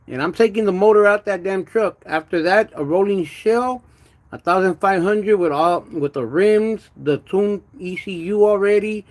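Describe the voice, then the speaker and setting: Man, slightly high voice, wet lisp from missing front teeth, halting casual car vlog chat, slangy with Spanish words. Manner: halting, stammered repetitions with pauses to manage saliva; slangy, uses "homie" and "dog", drops in Spanish words. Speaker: car project vlogger. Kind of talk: casual livestream chat about car work.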